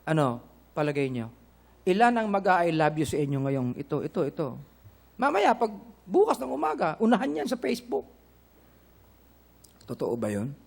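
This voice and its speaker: High-voiced Filipino pastor preaching. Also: male voice, sing-song, moderate pace, vocal fry, long pauses, darkish tone. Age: middle-aged. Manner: preaching in Tagalog mixed with English, quoting scripture; calls on the congregation with "Amen?" and "Correct?". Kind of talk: sermon.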